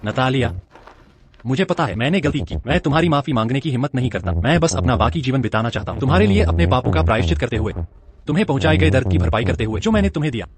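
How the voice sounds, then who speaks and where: A man's voice: medium pitch, sing-song, quick pace, slight background noise, natural voice. A man dubbing a remorseful young husband in a drama, speaking in a pleading, emotional way over faint music. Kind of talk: dubbed drama acting.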